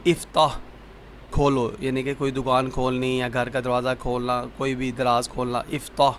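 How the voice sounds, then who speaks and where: Man drilling words in a slow lesson. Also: mid-range voice, little pitch movement, a little hiss or hum. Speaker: Arabic teacher. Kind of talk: vocabulary lesson.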